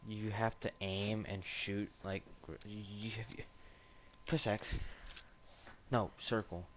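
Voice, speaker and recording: A man's voice: on the low side, flat delivery, takes it slowly. A young man playing along, giving blunt orders and swearing casually. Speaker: co-player. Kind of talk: casual gameplay chat. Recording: background hiss with game gunfire.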